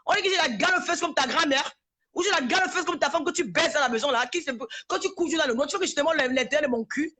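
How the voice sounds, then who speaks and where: Heated woman ranting at high pitch. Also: fast, pushed and bright. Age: 40s. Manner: confrontational, insulting, heated. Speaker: social media personality. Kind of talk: live-stream rant.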